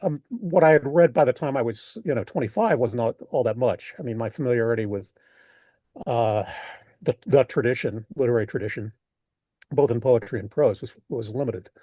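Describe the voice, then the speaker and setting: Older American man, mellow and halting. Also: medium pitch, no echo. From United States. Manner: halting, thoughtful, rephrases mid-sentence. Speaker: poet being interviewed. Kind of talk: reflective interview talk.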